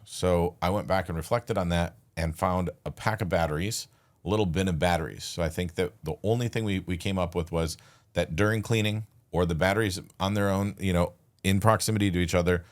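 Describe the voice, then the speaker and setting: Very deep-voiced man recounting a story. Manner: relaxed, halting retelling with restarts and quoted dialogue. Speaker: podcast guest. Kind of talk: casual storytelling.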